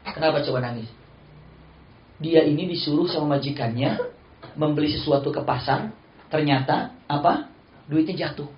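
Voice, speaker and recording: A male Islamic preacher, giving a lively sermon full of stories and acted-out dialogue. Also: medium pitch, slight background noise. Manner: animated, acts out dialogue, laughs often. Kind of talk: sermon with storytelling. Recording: roomy, slightly dull recording.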